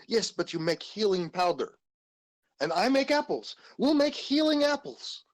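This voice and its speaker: A man's voice: high-pitched, big pitch swings, unhurried. A man arguing in character at a tabletop game, his voice swinging up and down as he pushes his point. His put-on Russian accent slips in and out. He talks stubbornly and keeps cutting in. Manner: argumentative, with a put-on Russian accent that comes and goes. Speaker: player. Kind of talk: in-character tabletop role-play.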